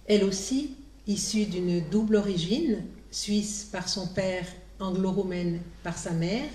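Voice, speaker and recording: A woman moderates a literary evening and introduces the guests slowly, pausing with small hesitations as she goes. Her voice is mellow and somewhat dark. She is heard from a distance in an echoey room. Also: mid-range voice. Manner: unhurried, with small hesitations and fillers. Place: literary event room before an audience.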